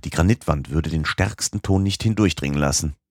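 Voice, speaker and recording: Guy reading lost young man, desperate, deep husky voice, dry. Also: brisk, darkish tone, no echo. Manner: desperate, strained.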